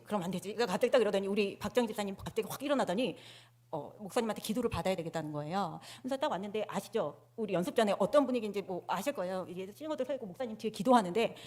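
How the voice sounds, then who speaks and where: Fast-talking woman sharing a church testimony. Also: mid-range voice, darkish tone. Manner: candid, self-mocking storytelling. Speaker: church member giving testimony. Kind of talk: personal testimony to a congregation. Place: church sanctuary. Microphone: handheld microphone.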